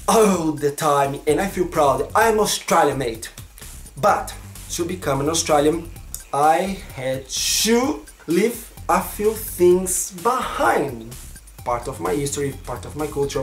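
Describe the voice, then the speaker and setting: A young man from Brazil with a Brazilian Portuguese accent, speaking English as a second language in an expressive personal vlog, sometimes searching for words. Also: fairly high pitch, reverberant. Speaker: vlogger.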